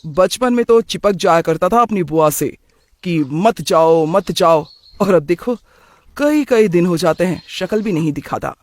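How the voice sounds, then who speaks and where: A doting middle-aged aunt in a cartoon story, as a man puts her on. She speaks in an affectionate, mildly complaining way with a high voice. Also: expressive, unhurried, no room sound. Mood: fond. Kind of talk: cartoon voice acting.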